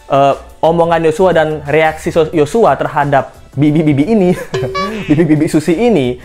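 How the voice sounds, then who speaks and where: A woman's voice: low voice, darkish tone. A woman hosting a casual news commentary vlog, talking in a playful, joking, teasing way. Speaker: host.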